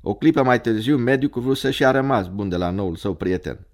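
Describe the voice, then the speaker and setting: A man narrating a story in a measured, dramatic reading. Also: mid-range voice, darkish tone.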